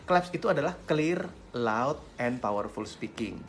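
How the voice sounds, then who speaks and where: A man teaching public speaking in a friendly, lively way, swinging his pitch up and down to show intonation. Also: unhurried, a little hiss or hum. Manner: friendly, chuckles between points. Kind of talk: instructional talk to camera.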